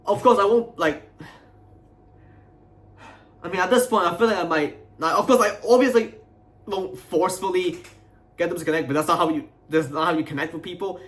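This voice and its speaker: A young man who creates videos vents his frustration and sense of grievance to viewers, rambling with no script and often halting or repeating himself. He has a high voice with a fairly bright tone.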